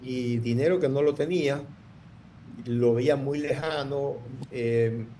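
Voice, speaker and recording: Taking it slowly, this man speaks in a steady, mellow, medium-pitched voice as he recounts his story as a guest entrepreneur in an interview. He rambles, restarting often and filling gaps with fillers, over slight background noise.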